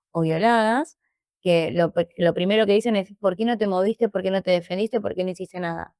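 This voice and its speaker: A woman, interviewing a guest and calmly, patiently explaining. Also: mid-range voice, dry recording, clean studio sound. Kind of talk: calm explanatory interview talk.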